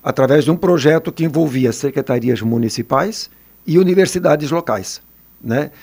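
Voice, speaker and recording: An older man, a former teacher telling stories in a relaxed interview and often ending phrases with a tag question. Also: fairly high pitch, moderate pace, slightly rough. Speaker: retired teacher and education adviser. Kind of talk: casual interview storytelling.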